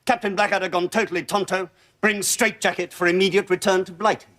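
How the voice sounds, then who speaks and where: An actor playing a prim, officious staff captain with a stiff, prissy manner, in a played-back TV comedy clip. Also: male voice, high-pitched, little pitch movement, quick pace, sharp tone.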